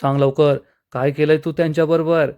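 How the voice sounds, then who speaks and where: A man's voice: a little high, little pitch movement, fairly quick, darkish tone, clean tone, dull audio, close to an everyday voice. A man voicing a bossy, hot-tempered young man who scolds and gives impatient commands. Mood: scolding.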